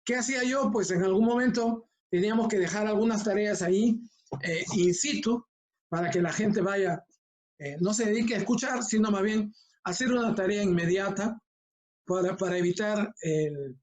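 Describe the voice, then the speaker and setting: Calm and conversational, an older man teaches a homiletics class online from just in front of his laptop microphone. He speaks at a normal speed in a voice that sits high.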